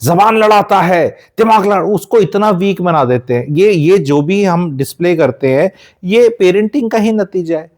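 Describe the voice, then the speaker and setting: A man's voice: sits high, lively intonation, normal speed, hardly any pauses, darkish tone. A man from India giving life advice in an emphatic, lecturing way, dropping English phrases into his talk.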